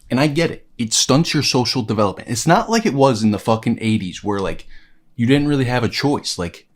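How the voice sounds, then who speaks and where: A man's voice: medium pitch, darkish tone. Brash, profane young man giving advice. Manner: brash, profane, pep-talk tone. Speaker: self-help vlogger. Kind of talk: comedic dating advice monologue.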